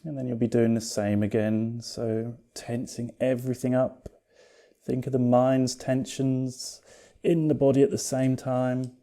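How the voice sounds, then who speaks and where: In a mid-range voice, a man acts as teacher for a guided yoga meditation. He takes his time, staying calm, soothing and quietly reassuring.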